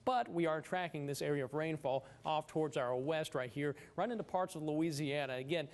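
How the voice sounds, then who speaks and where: A man's voice: a little high, a little fast. A man presenting the weather forecast, explaining the radar as he goes. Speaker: meteorologist.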